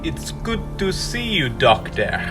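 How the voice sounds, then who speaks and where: Young man's high, swooping Count Dracula. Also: very animated. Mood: smooth, courtly. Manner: courtly, deliberate, theatrical. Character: suave, courtly, menacing male vampire count. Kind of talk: radio drama acting. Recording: music under the voice.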